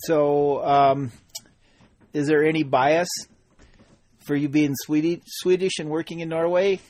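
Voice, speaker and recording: A man hosting a podcast, chatty and relaxed in a casual interview. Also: a little high, slow, no room sound. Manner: relaxed, chatty, laughs often. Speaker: podcast host.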